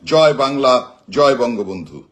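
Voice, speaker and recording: A man with a Bangladeshi accent delivers a rousing political address to supporters, emphatic and declamatory, in short measured phrases. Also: mid-range voice, animated, a bit bright. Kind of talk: rousing political speech, live broadcast address.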